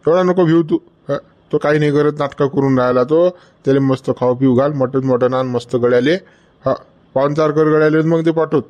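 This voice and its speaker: A man's voice: fairly high pitch, steady tone, fairly quick, a little mellow, dull audio, lightly acted. A man, voicing a scheming village father who talks in a breezy, reassuring way and waves off every worry. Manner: breezy and reassuring, brushes worries aside.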